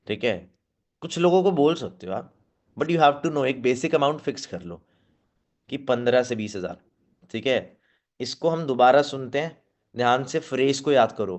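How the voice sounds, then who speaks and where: A man in mid pitch leads a spoken sales-skills training in front of a seated audience. He coaches his listeners and keeps checking in with a quick 'okay?'. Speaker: team trainer.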